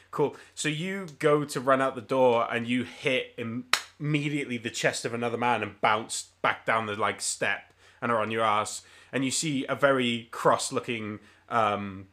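A man's voice: mid-range voice, sharp tone. A man running a tabletop game as game master, describing scenes in a rambling way with lots of fillers.

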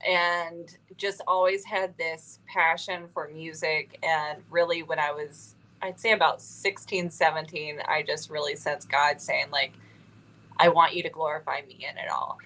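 A woman from Ohio talks about her music as a guest. Her voice sits slightly low, and her manner is earnest and soft-spoken, with pauses and fillers. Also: steady tone, poor audio. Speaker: guest singer-songwriter. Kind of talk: casual interview chat.

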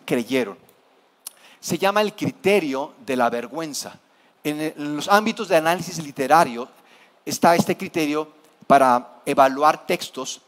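High-voiced animated Mexican pastor. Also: male voice. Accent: Mexican Spanish. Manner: animated storytelling, acting out scared disciples in high cries. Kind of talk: sermon. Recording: long hall reverb.

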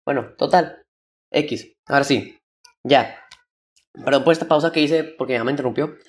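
A young man with a Mexican accent chats through a solo podcast at home. He rambles and interrupts himself, full of casual slang. His pitch sits in the middle range for a man. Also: moderate pace. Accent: Mexican Spanish. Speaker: podcast host. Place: home room.

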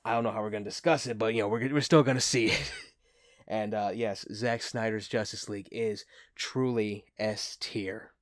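A man with a fairly low voice gushes like an excited fan as he hosts a casual movie review. The sound is dry and close, with no room echo. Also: moderate pace. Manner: enthusiastic, gushing fan talk. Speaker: host of a movie review show.

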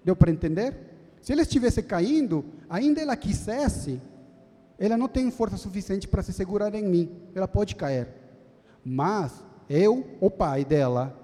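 A man's voice: sits high, expressive, measured pace, mellow. A man in his thirties with a Brazilian Portuguese accent, preaching a sermon as a deacon in an earnest, teaching tone and asking the congregation to agree. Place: church hall. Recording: long church-hall reverb.

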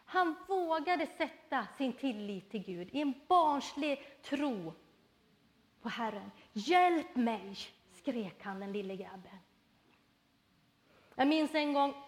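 A middle-aged woman preaching a sermon, telling personal stories in a lively way and acting out the voices she quotes. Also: a little high. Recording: reverberant hall.

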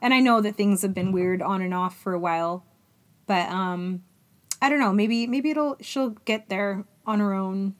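A woman's voice: medium pitch, moderate pace. Chatty mother of teens, wry. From Florida. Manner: chatty, wry, throat-clearing. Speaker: podcast co-host. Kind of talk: casual chat.

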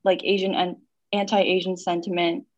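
A woman's voice: on the low side, normal speed, no echo, dull audio. A young woman from Missouri, a guest in a casual interview, reflecting on her life with many "um"s and "like"s. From Missouri, United States. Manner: relaxed, reflective, lots of fillers like "um" and "like".

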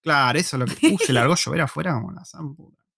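Joking Argentine man, slangy and lively. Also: a little high, racing, vocal fry, slightly rough, no echo, studio quality. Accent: Argentine Spanish. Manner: joking, slangy, animated storyteller. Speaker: host. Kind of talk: live casual chat. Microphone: desk microphone.

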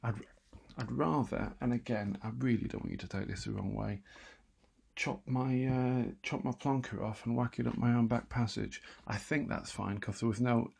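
A man talking quietly and wryly at night from a room in his house, hosting a solo radio show with lots of asides and restarts. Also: mid-range voice, fairly even intonation, moderate pace, creaky, slightly rough. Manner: self-deprecating, wry, full of asides and restarts; talking quietly, half-whispering at times. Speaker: radio host. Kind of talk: rambling late-night solo radio chat.

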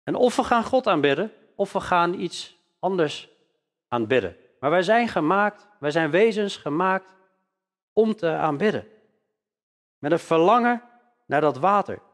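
A man's voice: sits high, animated, a little slow. A man preaching a sermon in earnest, emphatic style, leaning hard on key words. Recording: long hall reverb.

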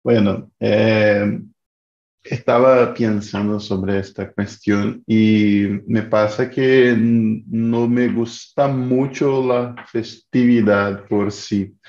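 Slow, low-voiced Brazilian man on a call. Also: fairly even intonation, a little mellow. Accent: Brazilian Portuguese. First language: Portuguese. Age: 30s. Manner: hesitant, searching for words with restarts. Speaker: participant in a language exchange call. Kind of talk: casual chat in a learner's Spanish. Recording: dull lo-fi call audio, echoey room.

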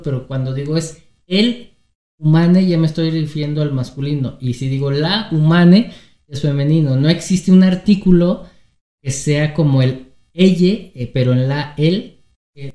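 A man's voice: fairly high pitch, dark tone, reverberant. A man, hosting an interview and thinking aloud through long, winding questions. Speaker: interview host, sexologist.

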